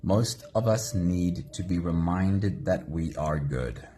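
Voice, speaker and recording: A man hosting a live guided meditation, speaking gently and greeting viewers by name. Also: low voice, animated, slow, soft background music. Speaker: meditation host.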